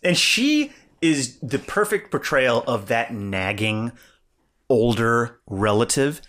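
A young man in casual podcast chat, recounting scenes from a film with lively enthusiasm. He laughs often as he talks. His voice sits at an ordinary middle pitch. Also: takes it slowly. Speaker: podcast co-host. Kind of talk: casual movie review chat.

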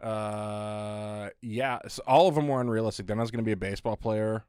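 A man's voice: on the low side, fairly even intonation, a little fast, darkish tone, clean tone, no echo, studio quality. A man co-hosting a casual podcast, telling loose, profane stories and laughing often. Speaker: podcast co-host.

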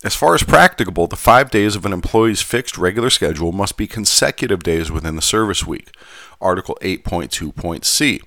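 Guy doing a genteel southern gentleman reading stuff out, lowish voice, formal, southern accent, dry sound. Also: expressive, fairly quick, no echo. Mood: measured, formal. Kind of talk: scripted reading.

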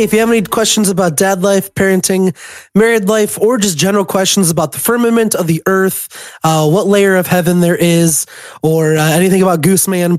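A man hosting and editing a casual podcast, easygoing, reading the show plugs in a relaxed way. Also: sits high, no room sound, studio quality. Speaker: podcast host and editor. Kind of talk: casual chat.

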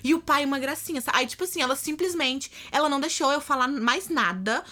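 A woman's voice: sits high, fast talker, sharp tone. A young woman with a Brazilian Portuguese accent, telling her story candidly as a podcast guest and acting out what others said. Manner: candid storytelling, acts out quoted speech. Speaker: podcast guest, former au pair. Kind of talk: casual interview chat.

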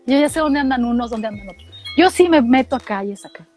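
A middle-aged woman from Mexico with a Mexican accent, telling animated, slangy stories in casual chat and acting out what people said. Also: fairly high pitch, quick pace, soft background music. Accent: Mexican Spanish. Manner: animated storytelling, slangy, acts out quotes.

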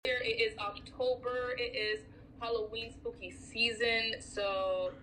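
A woman from the United States co-hosting a casual podcast, talking in an animated, filler-heavy way. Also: a little high, slow pace, soft background music, rough recording. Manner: animated, chatty, many fillers. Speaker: podcast co-host. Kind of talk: casual chat.

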